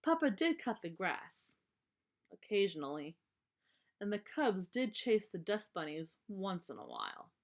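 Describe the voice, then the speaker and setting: Her medium-pitched voice swoops wildly as a woman reads a children's story aloud with expression. She breaks off to explain words simply and emphatically for young listeners.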